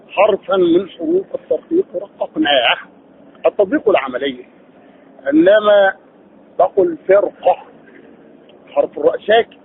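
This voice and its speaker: Sheikh teaching, gravelly and lively. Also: male voice, very high-pitched. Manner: asks questions then answers them himself; drills sounds by repeating syllables. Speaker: Quran recitation teacher. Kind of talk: tajweed lesson. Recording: tinny lo-fi phone-like recording.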